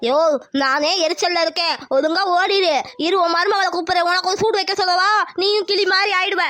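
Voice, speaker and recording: A woman's voice: very high-pitched, fairly even intonation, fairly quick, sharp tone, no room sound, soft background music. A woman voicing a grumbling old village woman in a cartoon, wailing and scolding over a burnt tongue. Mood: complaining.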